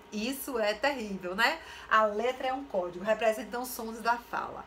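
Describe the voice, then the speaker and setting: A middle-aged woman gives an online lecture to literacy teachers, with a bright, slightly high voice. She explains in a didactic way, poses rhetorical questions and draws syllables out slowly. A faint hiss sits behind her.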